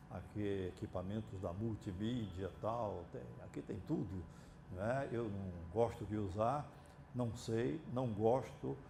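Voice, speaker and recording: A Brazilian psychiatrist giving a reflective, digressive lecture in an auditorium, with drawn-out pauses and hesitant fillers. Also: male voice, medium pitch, vocal fry, dark tone, slight background noise. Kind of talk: unscripted lecture.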